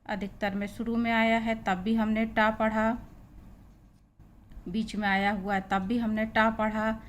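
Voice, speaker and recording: A woman with an Indian accent teaches English pronunciation in a classroom-style lesson, spelling words out letter by letter and repeating each sound. Her voice sits at a medium pitch, with a flat delivery and a measured pace. There's a slight hiss or hum on the recording.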